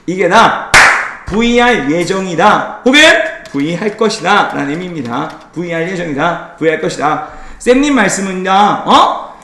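A male teacher lecturing a class in a high, lively voice that jumps all over the place. He teases his students and fires quick check-up questions at them. The sound comes from an echoey classroom. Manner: playful teasing, drilling students with quick questions. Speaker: English teacher.

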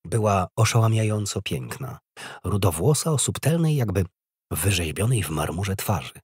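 Husky, low-voiced male audiobook narrator. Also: big pitch swings, moderate pace, darkish tone, no room sound, studio quality. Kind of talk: scripted narration.

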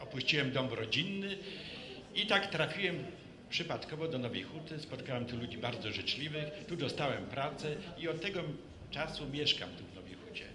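A man's voice: mid-range voice, lively intonation, moderate pace, crowd noise. Older man thanking an audience, echoey hall. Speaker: award laureate, film director. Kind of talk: thank-you speech. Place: hall at a public ceremony.

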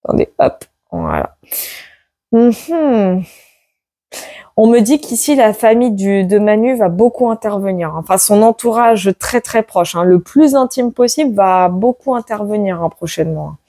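A woman reading tarot cards aloud to her viewers in a casual chat, tagging her sentences with "hein" and bursting into loud exclamations. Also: medium pitch, unhurried, no room sound, clean studio sound. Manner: excitable, exclaims loudly, many "hein" tags. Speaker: tarot card reader. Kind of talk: casual card-reading video.

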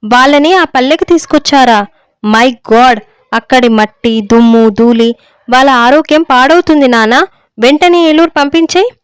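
Impatient grown son brushing off his dad, a woman reads him high and clear, dry sound. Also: normal speed, no room sound, close to an everyday voice. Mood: dismissive. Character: grown son abroad, curt and dismissive.

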